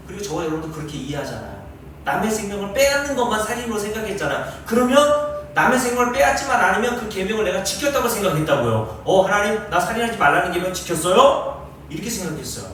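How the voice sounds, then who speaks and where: A man preaching a sermon as pastor, lively and teasing his congregation with questions. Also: on the high side, a little hiss or hum. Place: large church hall. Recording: very echoey hall, mic far off.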